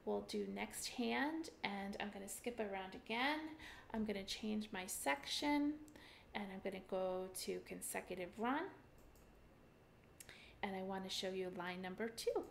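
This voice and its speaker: A gravelly, mid-range voice belongs to a middle-aged mahjong teacher guiding viewers through a screen-share tutorial on her webcam. She goes a little slowly, staying upbeat and chatty with frequent ums. Some hiss or hum is audible.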